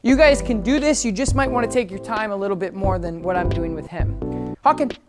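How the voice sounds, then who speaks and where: A man working as a dog trainer, casually explaining his method to viewers and breaking into high, upbeat praise and commands for the dog. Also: fairly even intonation, fairly quick. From United States. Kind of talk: instructional training demo. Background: background music.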